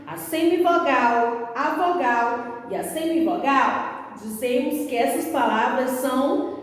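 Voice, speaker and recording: A Brazilian woman teacher giving a slow, patient lesson to young children, breaking words into syllables. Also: high-pitched. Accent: Brazilian Portuguese. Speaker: primary school teacher. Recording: echoey room, voice from a distance.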